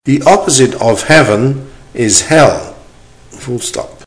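A man reading a dictation exercise as a teacher, in short, measured, deliberate phrases with punctuation spoken aloud. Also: mid-range voice, lively intonation. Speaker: language teacher giving dictation.

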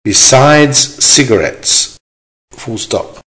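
Man, medium pitch, slow pace, dictation reading, careful enunciation, repeated phrases, spoken punctuation. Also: lively intonation, a bit bright, rough recording. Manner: deliberate, measured enunciation with pauses. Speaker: language teacher reading dictation.

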